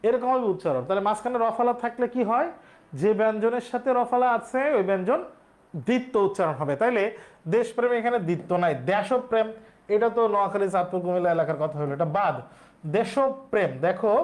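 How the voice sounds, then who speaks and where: A man's voice: high-pitched, brisk. A male teacher, explaining exam questions step by step and quizzing his students. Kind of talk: exam-prep lesson.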